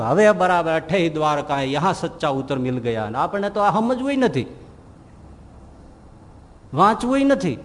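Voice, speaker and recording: Speaking in a male voice that sits high, the swami enlivens his sermon with amusing anecdotes, playing each character and chuckling at his own wit. The sound has a long hall echo over faint noise.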